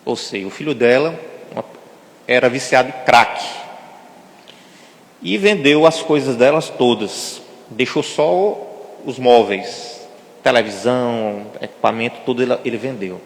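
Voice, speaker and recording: A man lecturing to an audience, telling a story in an animated way and often checking in with his listeners. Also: medium pitch, unhurried. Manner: animated storyteller, frequent tag questions. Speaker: spiritist lecturer. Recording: reverberant hall.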